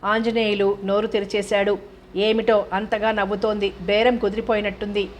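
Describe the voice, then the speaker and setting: A woman narrating a novel as an audiobook in a calm, steady storytelling manner. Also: mid-range voice, moderate pace.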